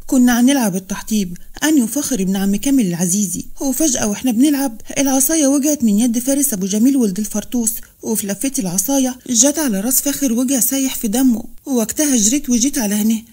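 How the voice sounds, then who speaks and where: A woman's voice: a little high, fast talker, warm tone, close to an everyday voice. A woman voicing a frightened young Upper Egyptian man, pleading with an Upper Egyptian accent. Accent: Upper Egyptian Arabic.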